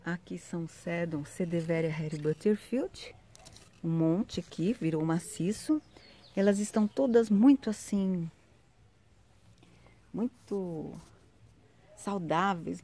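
A woman's voice: lowish voice, slow pace, mellow, a little hiss or hum. A woman giving a chatty, casual vlog tour of her sunny home garden, pointing things out to viewers, recorded outdoors on a handheld phone.

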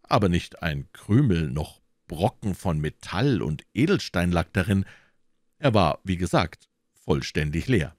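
Deep-voiced male audiobook narrator. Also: sing-song, no echo, clean studio sound. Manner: measured, storytelling. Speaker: audiobook reader.

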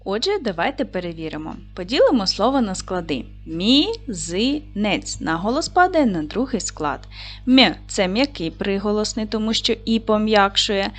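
A woman teacher giving a video lesson to young children, speaking slowly and clearly, drawing out words for dictation and encouraging the class. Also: mid-range voice, sing-song, faint music behind. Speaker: primary school teacher.

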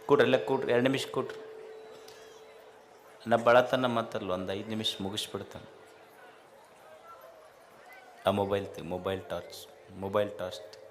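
A man's voice: lowish voice, steady tone, unhurried, long pauses, slight background noise. A man with a North Karnataka Kannada accent giving a spiritual talk to a festival crowd, repeating lines and asking rhetorical questions with rising emphasis. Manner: hushes the crowd firmly and jokingly. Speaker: speaker addressing a festival gathering.

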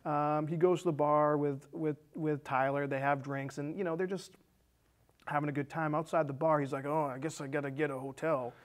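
On a small indoor studio set with a curtain, a man in his thirties with an American accent co-hosts a film discussion show, casually recapping a movie. His voice is fairly high and even at normal speed, and he often restarts and repeats phrases.

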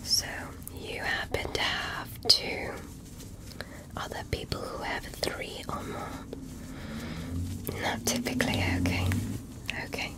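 Whispering her questions slowly with long pauses, a woman in a natural voice takes on the role of a polite, curious alien doctor. The ASMR medical roleplay is gentle and methodical.

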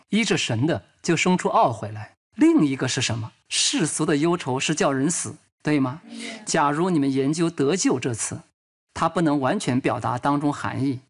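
A man's voice: a little high, husky. A man voicing a dubbed sermon as a preacher, telling his own testimony earnestly and reading scripture aloud.

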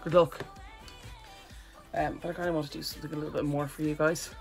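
A woman's voice: low voice, flat delivery, fast, faint music behind. A woman chatting casually through a makeup tutorial as a vlogger, rambling and correcting herself as she goes.

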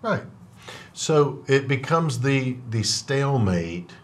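A middle-aged trucking company owner hosts a trucking podcast in a studio, using over-ear headphones and a desk mic. In a casual interview chat, his mid-range voice is very animated yet slow, plainspoken from a trucker's point of view, and he keeps tossing in a rhetorical "right?".

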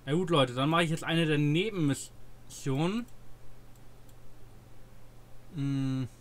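A man's voice: fairly high pitch, measured pace. A man giving casual gameplay commentary as a let's play host.

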